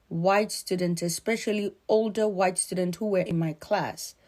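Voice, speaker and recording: Ghanaian woman talking it through, earnest and firm, voice sits a bit low. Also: a little mellow. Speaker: commentator. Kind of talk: spoken commentary.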